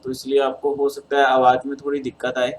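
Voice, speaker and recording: A man talks fast in a mid-range, completely flat voice while solving a chemistry exam paper step by step for his students, whom he calls beta. He has a Hindi accent and a sore throat. A little hiss or hum runs through the audio.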